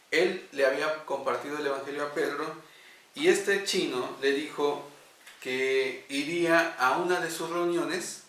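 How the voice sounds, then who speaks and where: A man's voice: mid-range voice, a bit bright. Earnest man telling a devotional story. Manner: earnest, with hesitant fillers. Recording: echoey room, distant mic.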